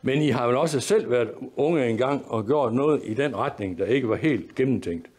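A man's voice: mid-range voice, a little mellow, close to an everyday voice. A man doing a blunt, defiant young daughter. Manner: irritated, pleading.

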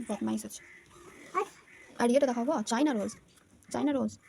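A woman's voice: fairly high pitch, moderate pace, creaky, mellow, a little hiss or hum. A young woman in a home vlog, coaxing a small child and repeating words for them. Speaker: mother and vlogger. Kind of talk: home vlog, coaching a toddler.

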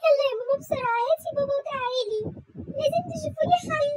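A very high, quick-talking young wife with an Egyptian accent, acted by a woman, tearful and dramatic. She sobs, wails and shouts down the phone in a comedy sketch. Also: background noise. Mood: frantic. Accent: Egyptian Arabic. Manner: sobbing, wailing, shouting into the phone. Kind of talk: comedy sketch role-play.

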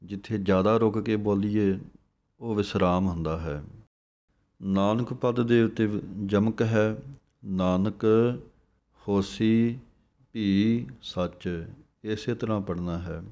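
A man's voice: on the low side, unhurried, a little mellow. A man with a Punjabi accent teaching careful scripture pronunciation, sounding words out syllable by syllable and then explaining them. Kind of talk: slow, careful recitation lesson.

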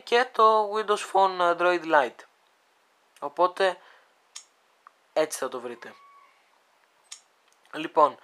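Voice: medium pitch, sharp tone. A speaker casually walking viewers through a phone app, thinking aloud with many hesitations and talking to them like friends. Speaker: video creator demonstrating a phone app. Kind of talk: casual screen demo walkthrough.

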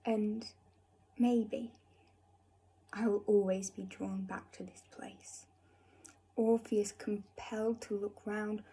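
A young woman performing spoken-word slam poetry in a breathy, husky voice, measured and deliberate, with pauses. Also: mid-range voice, flat delivery, warm tone. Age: young adult. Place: indoors, small domestic room.

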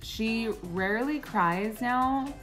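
A woman's voice: fairly high pitch, takes it slowly. A young woman chatting casually in a home vlog, bubbly and a little tired, laughing often. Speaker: vlogger. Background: music.

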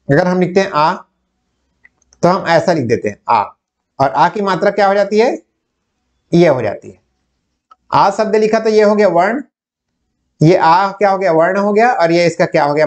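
A North Indian man with a fairly high voice gives a Hindi lesson. He explains each point slowly and step by step, asking a question and then answering it himself. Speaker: Hindi teacher. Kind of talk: whiteboard lecture.

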